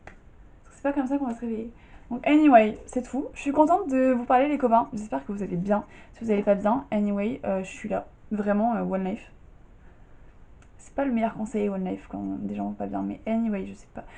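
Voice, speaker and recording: Young woman vlogging in her bedroom, kinda high voice, super chatty and slangy, sounds tired. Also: fairly even intonation, brisk, vocal fry, warm tone. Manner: chatty, slangy, full of fillers. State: tired and just out of bed. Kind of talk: casual chat.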